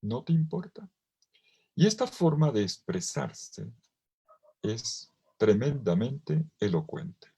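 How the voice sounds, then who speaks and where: Husky-voiced priest preaching. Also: male voice, on the low side, a little mellow. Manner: preaching with dramatic quoted voices and rising emphasis. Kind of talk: sermon at a virtual retreat.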